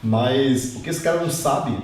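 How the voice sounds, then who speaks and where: A man's voice: medium pitch, normal speed, a little mellow. A man from Brazil hosting an interview, chatting casually and asking probing questions. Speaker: interview host. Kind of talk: conversational interviewing. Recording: roomy echo from a distant mic.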